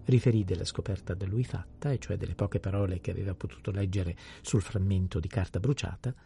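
A man narrating a radio play in a calm, even, raspy voice. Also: deep voice, fairly quick, a little hiss or hum. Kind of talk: scripted narration.

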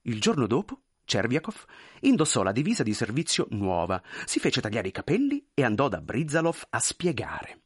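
A man reading a story aloud in an expressive, theatrical narrating style. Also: mid-range voice, moderate pace, slightly rough, dry recording, studio quality. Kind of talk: scripted narration.

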